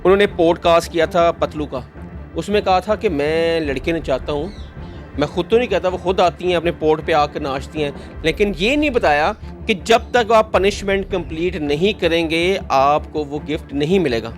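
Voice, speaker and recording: Brief: Pakistani host, slightly high voice, music bed. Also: male voice, normal speed. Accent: Pakistani Urdu. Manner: prompting, agreeable, addresses guest as sir. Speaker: interviewer host. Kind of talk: interview questions.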